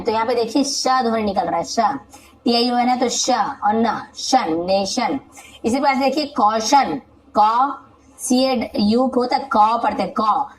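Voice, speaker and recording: A woman teaching English pronunciation in a classroom-style lesson, slowly repeating sounds and spellings. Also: a little high, a little mellow, rough recording. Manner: slow, repetitive drilling of sounds and spellings.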